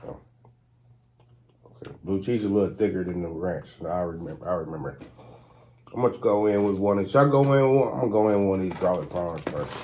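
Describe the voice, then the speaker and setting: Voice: deep voice, fast, a little hiss or hum. A mukbang host chatting casually to viewers while eating and tasting food. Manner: relaxed, addresses viewers as "y'all".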